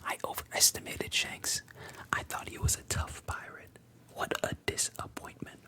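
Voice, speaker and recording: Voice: normal speed, natural voice. Luffy, a defiant boy, whispered by the narrator. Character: boyish hot-headed young pirate hopeful. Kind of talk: ASMR whispered retelling of a cartoon.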